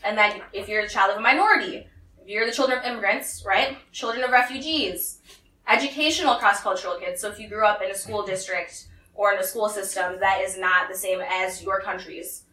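A bright, forceful young American woman with a brisk, mid-range voice gives a personal talk to a small group. She stands a little back from the mic in an echoey room, telling her story with energy and putting on other people's voices for the quotes.

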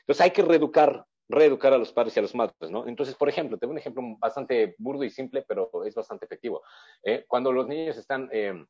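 A man's voice: mid-range voice, a little fast, mellow, husky. A man speaking as a guest expert, explaining at length with hesitant restarts and acting out short quotes of children and parents. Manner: hesitant restarts with filler words. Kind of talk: explanatory interview talk. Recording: slightly dull lo-fi audio.

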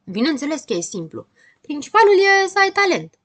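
A woman voices a fussy storybook girl who corrects everyone. Her tone is impatient and prim, with a lively up-and-down lilt, close and dry. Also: sits high, no room sound, pitched above the performer's own voice. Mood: lecturing. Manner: lecturing, impatient. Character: bossy, fussy little girl, impatient and proper.

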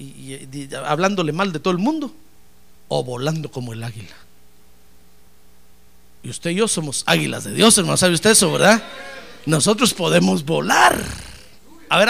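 A man preaching a fervent sermon as pastor, calling out to his listeners as brothers and breaking into loud praise. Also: on the high side, creaky. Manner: bursts into loud praise shouts.

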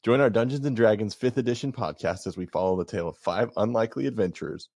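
A man's voice: lowish voice, quick pace, darkish tone, no echo, studio quality. Upbeat man hosting a tabletop game. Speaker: dungeon master and podcast host. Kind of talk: podcast intro and game talk.

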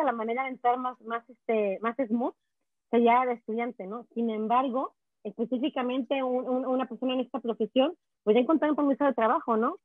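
A Mexican woman, a guest speaking on immigration, talking in a chatty, quick way over a call. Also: high voice, no room sound. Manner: fast, chatty, restarts words. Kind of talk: casual chat. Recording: tinny dry phone line.

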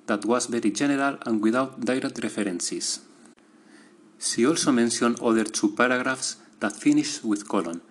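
A man, a student, reading out a prepared class diary in a steady, methodical way. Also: medium pitch, husky.

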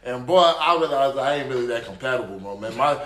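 A man in casual, profane chat with friends, animated and laughing a lot. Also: mid-range voice, fast talker, slight background noise. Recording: echoey room.

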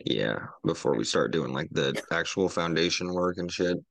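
A man with a very deep voice and a bright, forceful edge hosts a casual podcast. He is laid-back and conversational and swears freely. The sound is close and dry. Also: animated, moderate pace, gravelly, no echo. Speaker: podcast host.

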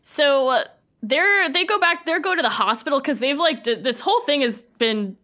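A woman's voice: high voice, expressive, normal speed, pushed and bright. A woman hosting a podcast, chatting casually and retelling film scenes with lots of laughter. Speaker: podcast host.

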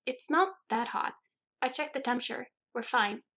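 Woman putting on a bubbly eager young woman, high excited voice, lifted pitch. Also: normal speed. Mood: eager coaxing.

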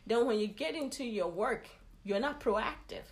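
A woman's voice: a little high, lively intonation, moderate pace. A woman in a casual conversation, speaking emphatically and giving advice drawn from her own experience.

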